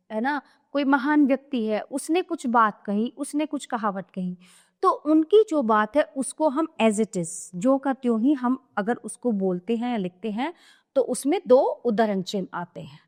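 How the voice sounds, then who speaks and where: A woman teaching a grammar lesson in a chatty way, reading examples slowly and often checking that listeners follow. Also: high voice, lively intonation, in a large hall. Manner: chatty, explains each point, asks "है ना?". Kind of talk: grammar lesson explained from a book.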